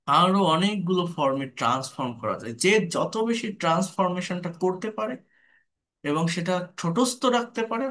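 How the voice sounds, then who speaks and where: Bengali guy tutoring english, high voice that jumps around a lot, slow and patient. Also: fairly bright tone. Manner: patient, slow, repeats example sentences. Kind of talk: spoken grammar lesson.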